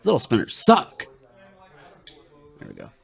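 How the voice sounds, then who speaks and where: A man's voice: a little slow, dry recording. A young man hosting a podcast in casual banter, playful and joking. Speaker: podcast host.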